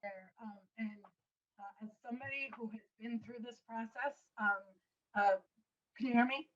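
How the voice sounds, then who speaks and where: A woman legislator speaking haltingly over a faint remote line that sounds hollow, as if in a tunnel. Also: fairly high pitch, a bit bright, dull audio. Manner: halting, many fillers. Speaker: state legislator. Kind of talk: committee hearing remarks. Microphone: remote call microphone.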